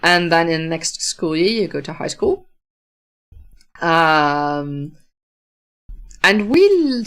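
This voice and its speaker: Answering comments on her casual livestream, a Dutch author speaks thoughtfully in her Dutch accent, stumbling into fillers and restarts often. Her voice sits on the low side and sounds a bit bright.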